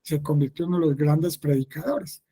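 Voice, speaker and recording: Friar for a catechesis talk, male, slightly higher voice, soft warm tone, chatty and repetitive. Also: fairly quick, slightly rough. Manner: conversational, repeats himself, frequent affirming "sí". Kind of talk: spoken catechesis, personal testimony.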